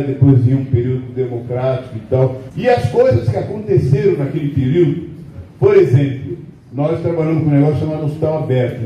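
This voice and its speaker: A man's voice: mid-range voice, warm tone, a little hiss or hum. A man reminiscing to a meeting in a rambling, conversational way, often tagging questions onto his sentences. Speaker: union founder speaking at a meeting. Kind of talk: reminiscing speech to members. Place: meeting hall. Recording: echoey hall, voice from far off.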